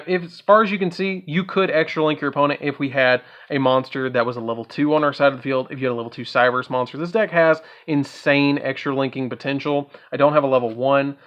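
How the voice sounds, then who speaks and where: A man's voice: mid-range voice, highs cut off. Man casually thinking aloud over a card game. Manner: thinks aloud, talks to viewers, trails off with ums. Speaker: card game content creator. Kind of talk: casual gameplay walkthrough.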